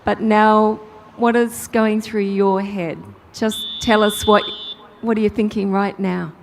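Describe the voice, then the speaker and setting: A woman's voice: mid-range voice, fairly even intonation, takes it slowly, creaky, a little hiss or hum. A woman doing chatty, upbeat live interviews out on a race track grid. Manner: chatty, upbeat, talks over the crowd. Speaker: grid reporter.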